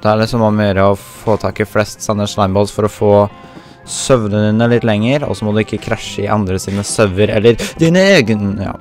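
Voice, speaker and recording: A young man talks through his gameplay in a chatty, self-mocking way, dropping English slang as he goes. His voice sits fairly low, and soft game music plays quietly behind him. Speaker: gaming YouTuber. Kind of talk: casual gameplay commentary. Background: faint game music.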